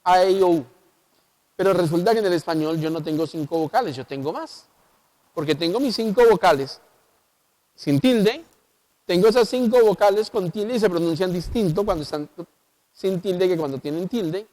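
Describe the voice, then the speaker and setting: High-voiced Colombian pastor teaching. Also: male voice, normal speed, a little mellow. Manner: explanatory, asks the audience rhetorical questions. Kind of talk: televised Bible teaching. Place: local TV studio.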